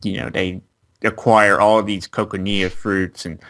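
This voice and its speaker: Male co-host, deep voice, casual anime recap, lots of "uh" and restarts. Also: fairly even intonation, measured pace, a bit bright. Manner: plot recap with fillers and restarts. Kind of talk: casual review chat.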